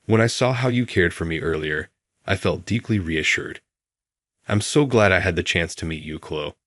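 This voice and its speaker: A man voicing a kind, humble older woman who speaks softly in a story. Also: low-pitched, lively intonation, moderate pace, no echo, studio quality. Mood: gentle. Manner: soft, gentle speech.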